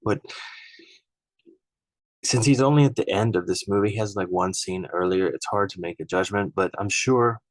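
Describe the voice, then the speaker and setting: Deep voiced guy rambling about movies, blunt opinions, keeps saying right?, dead dry close sound. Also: moderate pace, long pauses, no room sound, low-quality recording. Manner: rambling and conversational, often ending points with "right?"; frank and opinionated, easily irked. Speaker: film reviewer. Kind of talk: casual spoken film comparison.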